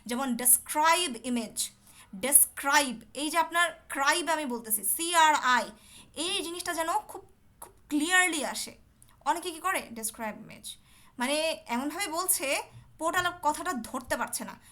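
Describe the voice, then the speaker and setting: A woman's voice: high voice, animated, normal speed, sharp tone. A woman teaching an English speaking test over a video call, explaining patiently and often checking that her students follow. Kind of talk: online teaching session.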